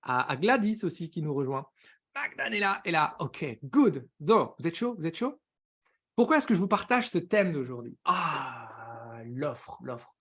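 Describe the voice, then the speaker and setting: Hosting a business coaching livestream, a French-accented man speaks in a somewhat high voice at a very fast, excited clip. He uses slang and calls out viewers by name as he greets them.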